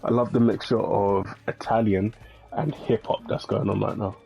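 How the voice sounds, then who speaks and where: A man chats through live gameplay as a variety streamer and reacts aloud to the game. His voice is gravelly and dark, set a little low. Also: fairly even intonation, moderate pace, muffled recording, faint music behind. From London.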